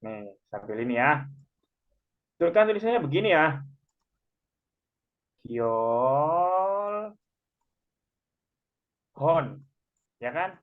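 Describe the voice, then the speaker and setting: A man's voice: a little high, big pitch swings, normal speed, long pauses. A man teaching a Korean language class online, patiently explaining each point step by step. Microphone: video call. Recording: muffled video call audio.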